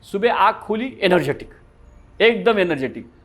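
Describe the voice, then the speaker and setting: A man teaching a yoga class, lecturing in a lively way and putting questions to his students that he then answers himself. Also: sits high, moderate pace.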